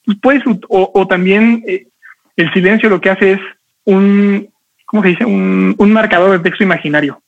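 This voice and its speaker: A man coaching an audience on public speaking, talking fast and energetically with lots of rhetorical questions. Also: high-pitched, steady tone, vocal fry, narrow, tinny audio.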